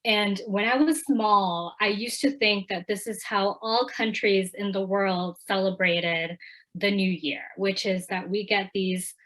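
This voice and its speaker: A woman's voice: mid-range voice, fairly even intonation, unhurried, fairly bright tone, rough recording. A young adult woman from Ecuador, talking reflectively as an author guest in a casual interview. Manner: reflective, frequent fillers, quoting others animatedly.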